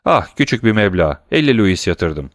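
A worldly gentleman of thirty with a fatherly air, read by a man in a low, even voice. The sound is dry and close. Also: normal speed, no echo. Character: thirty-year-old gentleman, worldly and paternal.

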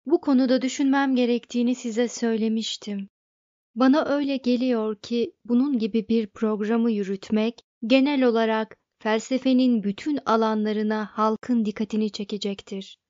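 A woman reading an audiobook aloud, voicing a vast, grandly self-important male supercomputer with a loud, booming delivery. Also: steady tone, moderate pace, no room sound, lo-fi sound, natural voice. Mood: lecturing.

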